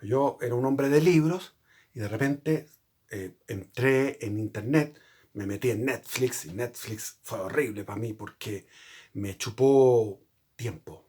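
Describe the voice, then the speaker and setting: A man's voice: medium pitch, a little slow, darkish tone, breathy edge. A man hosting his own channel, giving an earnest unscripted religious monologue. He rambles, often restarting and correcting himself mid-sentence. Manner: earnest and explanatory. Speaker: channel host.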